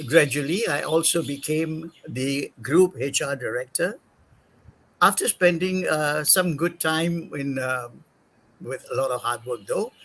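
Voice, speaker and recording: An older man from Singapore, a guest in an interview, telling his career story in a halting way with many fillers and self-corrections. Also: on the high side, a bit bright, rough recording.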